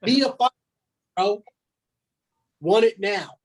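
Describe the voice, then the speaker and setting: A man's voice: high voice, animated, slow pace, poor audio. A man in his thirties, a podcast guest, talking in a blunt, emphatic way, swearing and filling his talk with "man". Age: 30s. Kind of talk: casual podcast chat.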